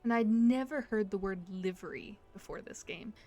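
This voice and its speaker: A woman's voice: mid-range voice, moderate pace, mellow. Giggly woman playing a game. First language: German. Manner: giggly, chatty. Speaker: let's play host. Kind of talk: gaming let's play, reading dialogue aloud.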